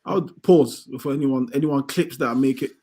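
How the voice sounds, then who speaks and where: A man, a football fan ranting in heated casual chat, swearing often and building to loud outbursts. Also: mid-range voice, moderate pace, husky. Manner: swears a lot, rants with rising outbursts.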